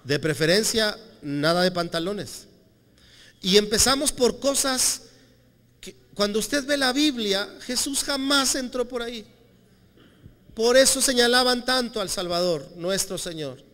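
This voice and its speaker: A male pastor preaching a lively, conversational sermon, acting out quotes as he tells stories. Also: sits high, unhurried, long reverb tail. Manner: animated storytelling, acting out quotes.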